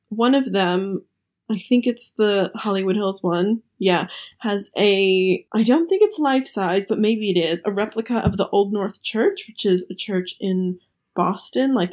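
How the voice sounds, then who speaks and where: A woman's voice: medium pitch, darkish tone. A young woman with a middle-range voice chats on a podcast with friends. She talks in a loose, rambling way, full of ums and likes. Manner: chatty, describing things with many fillers and laughs. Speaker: podcast co-host. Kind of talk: casual chat.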